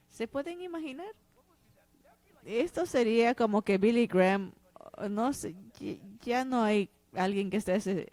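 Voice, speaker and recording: A woman's voice: medium pitch, darkish tone, dry recording. A woman interpreting a pastor's sermon, preaching with passionate emphasis. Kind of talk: dubbed sermon.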